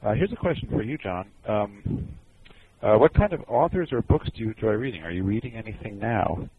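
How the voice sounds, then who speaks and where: A man's voice: lowish voice, animated, brisk, husky, no room sound. A man in a band reading out fan questions and answering with dry jokes. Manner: dry, joking. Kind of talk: casual Q&A chat. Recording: tinny phone-like line with noise.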